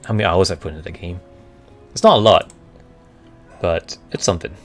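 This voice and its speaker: A man with a deep, low voice talks casually to his live stream audience over faint background music. He answers questions hesitantly, often stopping to search for the right word before carrying on. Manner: hesitant, halting, searching for words. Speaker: streamer, VTuber.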